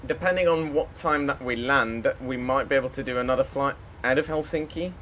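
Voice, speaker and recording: A man's voice: medium pitch, a little fast, fairly bright tone, a little hiss or hum. A man live-streaming a flight simulator, chatting casually and making the odd pilot radio call.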